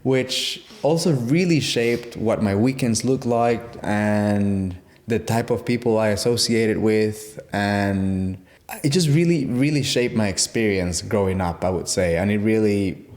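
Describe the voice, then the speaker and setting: A young man from Guatemala, reflecting on his upbringing in a casual interview, with pauses and restarts. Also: lowish voice, a little mellow. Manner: reflective, halting, with fillers and restarts. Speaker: interview guest.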